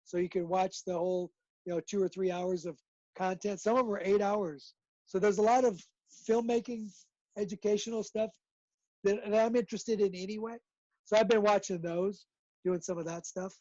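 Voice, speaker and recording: A man's voice: sits high, fairly even intonation, normal speed, dark tone, dry recording, muffled recording. A man chatting casually as a guest, easygoing and rambling as he tells his stories. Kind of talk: casual video-call chat.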